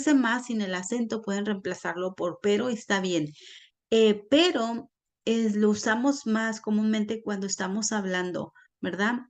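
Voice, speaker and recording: A woman teaching a grammar lesson online, explaining slowly and patiently and checking in often with her students. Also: mid-range voice. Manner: slow, patient, checks in with frequent "¿sí?". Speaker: Spanish teacher.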